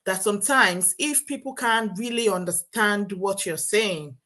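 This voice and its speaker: A woman's voice: medium pitch, measured pace, a loud crowd. A woman hosting a podcast, speaking in an affirming, emphatic way. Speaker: podcast host, nurse coach. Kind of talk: conversational interview.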